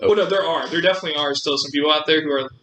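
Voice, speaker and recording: A man's voice: fairly high pitch, rapid-fire, sharp tone. A young man co-hosting a casual podcast chat, rambling with many fillers and restarts, in a roomy room. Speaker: podcast co-host. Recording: roomy room with faint noise.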